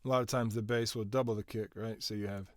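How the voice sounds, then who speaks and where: A man's voice: on the low side, steady tone, fast talker, very noisy. A man casually walking through how he produced a song, rambling with lots of filler words and restarts. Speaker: music producer.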